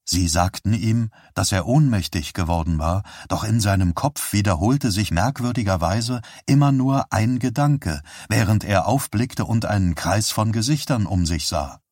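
A man reading an audiobook aloud in calm, measured scripted narration. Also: lowish voice, dry recording, studio quality. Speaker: audiobook reader.

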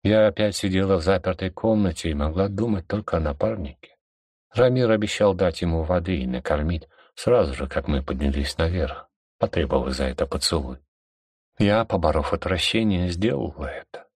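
A man narrating an audiobook in a steady, measured way. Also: sits low, slightly rough, dry recording, studio quality.

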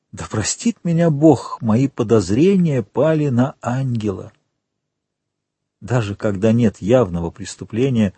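A man reading an audiobook voices a stern royal prosecutor who speaks calmly and with measured menace. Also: mid-range voice, husky, no room sound. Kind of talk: audiobook character voice.

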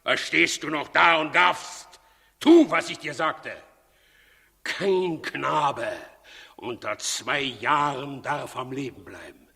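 Here the bloodthirsty, brooding old tyrant Herod rages, furious and commanding, in an exaggerated, pushed, bright voice that is harsh and husky, pitched on the high side and paced slowly. It's menacing, declamatory 1960s German radio drama acting, captured in the echoing hall of a radio studio of that era.

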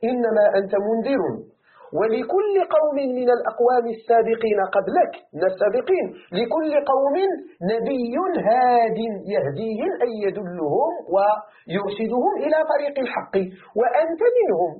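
Teaching a tafsir class, this man with a Moroccan accent talks fairly quickly in a very high voice. His style is lively: he throws rhetorical questions to the students and resolves them on his own, all captured on a thin, phone-quality recording.

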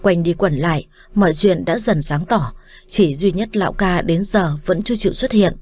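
A woman reading a first-person romance story aloud as an audiobook narrator, in a calm, measured way. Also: fairly low pitch.

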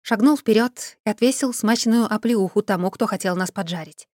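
Woman audiobook narrator, first-person fantasy, expressive, dry close studio sound. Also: mid-range voice, moderate pace, no echo.

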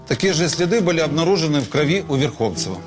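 Guy playing brisk cop giving evidence in crime drama, talks fast, music behind. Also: a little high, animated, close to an everyday voice. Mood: brisk, informative. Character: brisk male police colleague reporting evidence. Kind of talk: screen crime drama acting.

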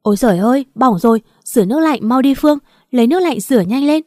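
Woman reader voicing an urgent older maid, hurried and raised, dry sound. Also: high-pitched, expressive, darkish tone, no echo, pitched above the performer's own voice. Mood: alarmed. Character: alarmed older housekeeper woman.

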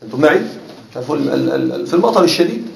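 A man teaching a class on Arabic rhetoric, repeating words slowly and often asking his students whether they follow. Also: on the high side, lively intonation, creaky, a little mellow. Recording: echoey classroom with faint noise.

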